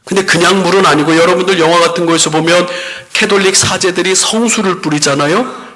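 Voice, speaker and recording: A man preaches from the pulpit with a bright, slightly high voice. He tells a story with lively acted quotes and has the congregation repeat short prayers after him. His delivery is animated and rises and falls a great deal. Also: brisk. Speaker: pastor. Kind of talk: sermon.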